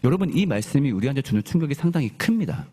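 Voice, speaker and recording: A male pastor preaching a sermon in a church, animated and often asking the congregation questions. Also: mid-range voice, rapid-fire, husky.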